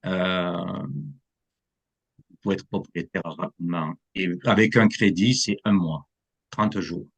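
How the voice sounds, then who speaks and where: Man, low voice, from France, real estate agent explaining the market, drops English terms. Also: fairly even intonation, a little slow, fairly bright tone, slightly rough. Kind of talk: interview answers.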